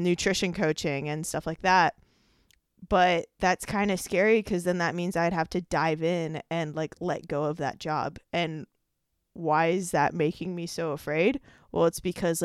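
A woman's voice: fairly low pitch, clean tone, no echo, studio quality. A woman in her twenties hosting a solo podcast, talking casually and rambling with lots of "like" as she thinks aloud. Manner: rambling, heavy use of "like". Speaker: podcast host.

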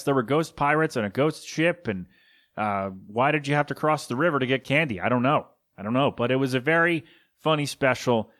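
A man's voice: medium pitch, a bit bright. A man hosting a casual solo podcast, rambling through listener suggestions with chuckling asides and lots of ums and uhs. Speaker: podcast host.

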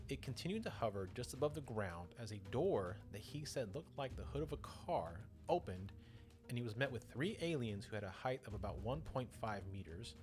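A man hosting a podcast, telling strange stories in a casual, joking way with asides and self-corrections. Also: medium pitch. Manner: lively, joking, self-interrupting. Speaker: podcast host.

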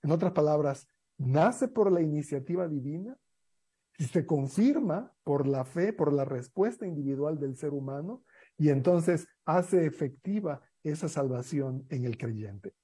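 Pastor guy, really dark mellow husky voice, walks through the theology nice and measured. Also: fairly high pitch, expressive. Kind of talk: Bible study panel comment.

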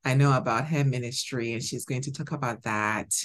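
A woman's voice: a bass voice, fairly quick. Giggly, chatty woman hosting a podcast. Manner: laughs often, chatty and bubbly. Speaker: podcast host. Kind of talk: casual podcast chat.

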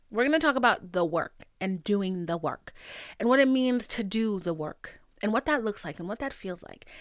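Candid woman podcaster, clean smooth voice. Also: mid-range voice, a bit bright, no echo, clean studio sound. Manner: candid, slangy, emphatic, with playful swearing. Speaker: podcast host. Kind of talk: casual confessional monologue to listeners.

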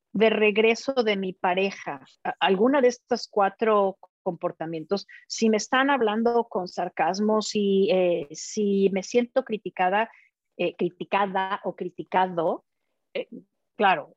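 A woman's voice: mid-range voice, a little mellow, no room sound. Hesitant woman therapist, muffled dry audio. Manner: hesitant, many fillers and restarts, acts out examples. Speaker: couples therapist. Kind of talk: live talk on couple communication. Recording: dull muffled dry sound.

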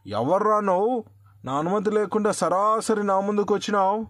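A man voicing an angry, haughty king in a folk tale, giving orders in loud, raised shouts. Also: mid-range voice, steady tone, a little fast, no room sound, clean studio sound, lightly acted. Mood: furious.

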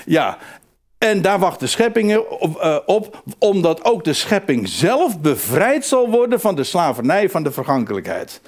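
A man's voice: high voice, unhurried. A man preaching a sermon, emphatic and repetitive, often restarting his phrases. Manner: animated, emphatic, repeats phrases, frequent restarts.

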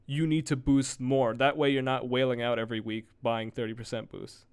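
A man hosting a casual gaming podcast, teasing his friends in animated banter. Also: mid-range voice, a little fast, smooth.

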